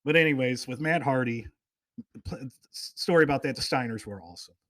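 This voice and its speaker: A male talk show host chats casually and drifts from one excited story to the next. His voice sits at an ordinary pitch and gushes with fan enthusiasm. The sound is dry, with no room echo. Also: a little fast. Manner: rambling storyteller, goes off on tangents. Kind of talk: casual chat.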